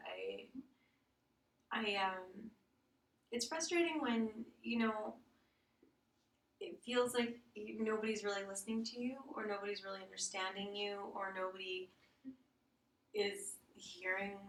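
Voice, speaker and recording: Woman, client in practice counseling, halting, self-correcting, echoey room, far from mic. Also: mid-range voice, a bit bright. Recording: roomy, distant mic.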